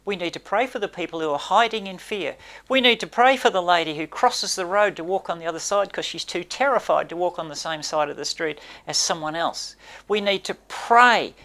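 An older man preaching a sermon in a small church, emphatic and gesturing, his voice dropping low at the ends of points. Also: fairly quick, sharp tone. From Australia. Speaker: pastor. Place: small indoor church space by a brick wall.

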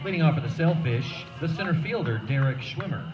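A man announcing the lineup over a ballpark's loudspeakers in a measured, formal way. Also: fairly high pitch, animated, over music. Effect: heard over ballpark loudspeakers. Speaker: stadium public-address announcer. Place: outdoor baseball stadium. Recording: distant echoey loudspeaker sound, dull.

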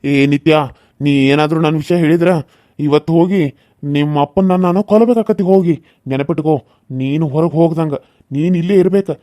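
A man voicing a menacing young village villain in a cartoon serial, loud and threatening. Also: fairly high pitch, normal speed, dry recording, studio quality, natural voice.

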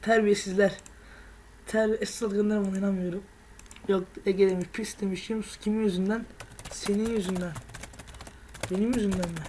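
A woman's voice: mid-range voice, fairly even intonation, a little fast, pauses often, a little mellow, a little hiss or hum. A woman hosting a gaming video, chatting casually with slang and frequent laughter as she teases others. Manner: laughing often, slangy and teasing.

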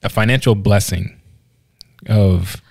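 A man's voice: lowish voice, takes it slowly, gravelly, a little mellow, no echo. A man co-hosting a podcast in casual chat, talkative, laughing easily and restarting his sentences often. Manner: chatty, laughs easily, many restarts and fillers. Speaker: podcast co-host.

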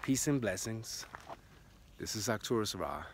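A man with a lowish voice tells a spiritual story in a relaxed monologue. He is soft-spoken and often drops into hushed asides. A faint noise sits under the voice. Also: measured pace. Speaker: spiritual channel host.

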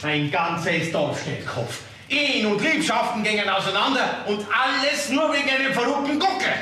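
A man's voice: extremely high pitch, lively intonation, normal speed, bright, forceful tone, slight background noise, exaggerated voice. An actor with a Bavarian accent playing a pompous, huffy middle-aged village policeman in a folk theater play, blustering and fussy about his dignity. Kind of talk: folk theater stage acting. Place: theater stage. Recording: roomy stage sound from far off.

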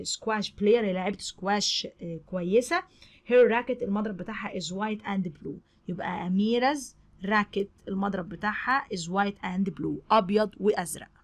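A young woman with an Egyptian Arabic accent teaching a children's English lesson. She says each word slowly, repeats it twice, and then explains it quickly. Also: mid-range voice, fairly bright tone. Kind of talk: classroom explanation.

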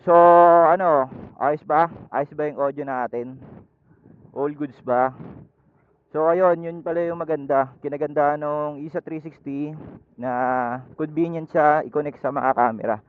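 Unhurried and pausing often, this motovlogger speaks in a steady voice pitched on the high side. He rambles through a casual how-to vlog with plenty of fillers while riding his motorcycle outdoors, and his helmet intercom headset produces dull, lo-fi audio.

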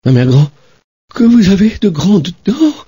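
A wide-eyed, trusting little girl from a storybook, as a man voices her. Her voice sits well above his own and rises with eager wonder. There is a husky edge to it, and the room sounds dry. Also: sits high, sing-song, measured pace, dark tone, no room sound, dull audio, pitched above the performer's own voice, full character voice. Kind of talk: storybook reading.

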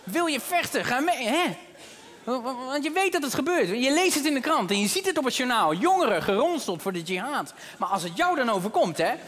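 Lively, bright-voiced male stand-up comedian. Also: very high-pitched, fast, few pauses. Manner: animated, self-mocking storytelling. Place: theater stage. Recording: live theater hall reverb, faint noise.

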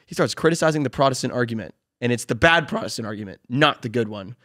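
Fast-talking young man telling stories. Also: medium pitch, no echo, studio quality. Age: young adult. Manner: animated storyteller, slangy, quick with many fillers. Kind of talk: casual conversation. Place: dark podcast studio. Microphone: studio boom mic with headphones.

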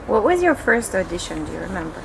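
A woman hosting a casual outdoor interview, cheerful and quick to laugh. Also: mid-range voice, big pitch swings, creaky, a bit bright, slight background noise, low-quality recording. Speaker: interviewer, host. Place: outdoor garden.

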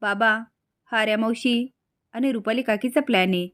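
A clever young boy presses the grown-ups with insistent questions, as a woman retelling a serial reads his lines. The pitch lifts slightly, but it stays close to her own voice. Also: normal speed, lightly acted.

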